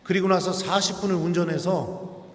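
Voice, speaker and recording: Male priest, fairly high voice, lively storyteller, sounds distant in a long-reverb church hall. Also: normal speed. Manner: animated storytelling, acting out quoted speech. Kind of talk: sermon told as a personal story. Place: large church. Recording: echoey church hall, far from mic.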